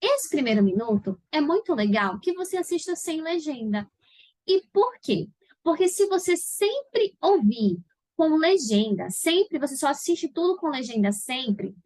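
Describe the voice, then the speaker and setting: Woman, Brazilian Portuguese accent, English teacher, high voice, dry close sound, didactic video lesson. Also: very animated, a little slow, darkish tone, no echo. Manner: didactic, checks in with frequent "tá?". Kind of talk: video lesson explaining study steps.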